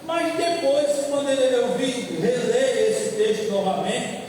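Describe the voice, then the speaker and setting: High-voiced preaching pastor in an echoey hall. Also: male voice, expressive, darkish tone, distant mic, a little hiss or hum. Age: 50s. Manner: slow, repetitive preaching with scripture reading. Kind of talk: sermon.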